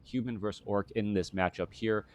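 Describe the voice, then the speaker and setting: A man in his thirties calls a live strategy game, his voice sitting a little on the low side. He rambles off topic easily, restarting sentences and piling on fillers as he chats with his viewers. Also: steady tone, normal speed, darkish tone. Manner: rambling, chatty, many restarts and filler words. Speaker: game caster. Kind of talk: live game commentary with casual chat.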